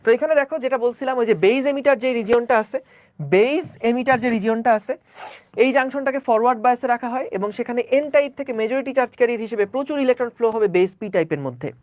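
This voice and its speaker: A woman teaching a physics lecture in a casual, conversational way, often asking her students quick questions and repeating phrases. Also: fairly high pitch, darkish tone, dry recording.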